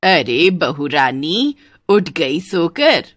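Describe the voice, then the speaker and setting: Cartoon mother-in-law, bossy and scolding, played by a woman, low and loud. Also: sing-song, very slow, no echo, clean studio sound, heavily acted. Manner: scolding, shouting at her family.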